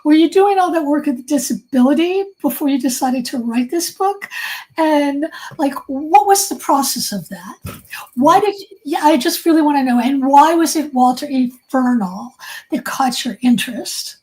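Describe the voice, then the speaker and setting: A woman's voice: sits high, expressive, moderate pace, a little mellow, low-quality recording. A woman hosting a book talk interview, speaking in an effusive, enthusiastic way. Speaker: host interviewing an author.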